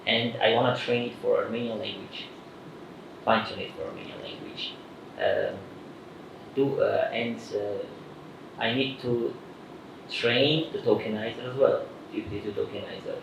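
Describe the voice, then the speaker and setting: Young male audience member, hesitant with fillers, gravelly, far off mic in an echoey hall, dull sound, clear background noise. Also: fairly low pitch, steady tone, normal speed, pauses often. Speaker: audience member asking a question. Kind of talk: Q&A question. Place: conference hall. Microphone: handheld mic.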